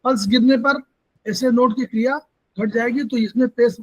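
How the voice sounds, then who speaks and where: A man's voice: very high voice, fairly even intonation, normal speed, dry recording, low-quality recording. A man teaching acupressure over a video call, firmly correcting and directing students to points. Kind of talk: instructive explanation.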